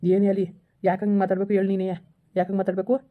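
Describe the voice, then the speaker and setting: Speaking fast with a completely flat delivery, a man with a high voice plays a husband in a scripted family drama. Over the phone, he scolds his wife angrily and insistently, going over the same points again and again.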